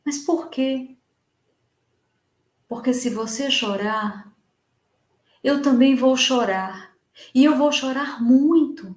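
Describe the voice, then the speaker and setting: A woman voicing a kind male spirit who speaks gently and tenderly. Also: high-pitched, takes it slowly, long pauses, reverberant.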